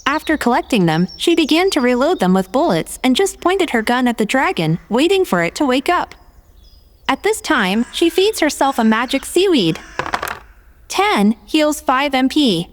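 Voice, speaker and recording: A woman's voice: high voice, big pitch swings, moderate pace, big-room sound, slight background noise. A woman reading scripted third-person narration and character dialogue as a player in a tabletop game replay.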